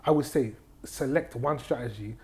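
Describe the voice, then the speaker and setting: At a moderate pace and with a darkish, mid-range voice, a man guesting on a casual podcast interview speaks confidently as he gives advice. He's a property investor and trainer who repeats key phrases and checks in with "do you get what I mean".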